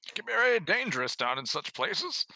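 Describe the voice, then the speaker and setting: A man voicing an old town official, courteous and concerned, in a halting, questioning manner. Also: high-pitched, big pitch swings, vocal fry, pushed and bright, dry recording, voice pushed up, exaggerated voice, rough recording. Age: older.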